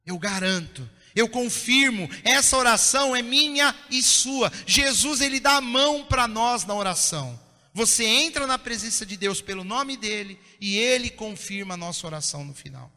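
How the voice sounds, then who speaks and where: A man preaching a sermon as pastor, impassioned and often dropping to soft, intense tones. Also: extremely high pitch, animated, moderate pace. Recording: long reverb of a church hall.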